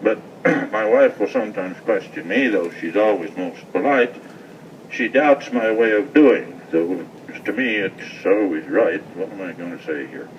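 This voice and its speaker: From some way off the mic, with slightly dull sound, comes a man reciting cowboy poetry at a live event. His voice sits fairly low. He speaks in a folksy cowboy drawl with a rural accent of the American West. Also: expressive, a little slow. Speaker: cowboy poet, rancher. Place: festival stage, live event. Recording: distant mic, muffled, noisy event sound.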